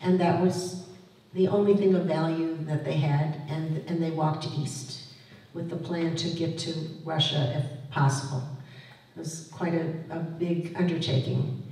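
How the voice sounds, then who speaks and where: An older woman recounting her parents' story at a public talk, hesitant and pausing often. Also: deep voice, steady tone, dark tone. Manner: hesitant, with fillers and restarts. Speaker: lecture speaker. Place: museum lecture room. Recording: echoey hall from far off.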